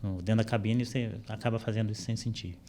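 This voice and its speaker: Relaxed Brazilian man, low voice. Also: very fast. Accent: Brazilian Portuguese. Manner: relaxed, explanatory, with frequent fillers. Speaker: interpreter, podcast guest. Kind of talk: casual interview chat. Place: podcast studio. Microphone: studio microphone with headphones.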